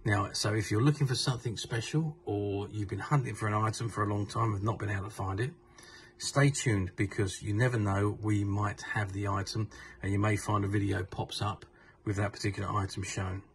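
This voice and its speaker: A man with a low, gravelly voice walks through a vintage toy from his shop, reading its labels aloud between frequent "um"s. He is recorded by a camera above his hands at a tabletop, with faint room noise behind. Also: fairly even intonation. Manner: unhurried, filler-heavy, reads labels aloud. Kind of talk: unboxing product walkthrough.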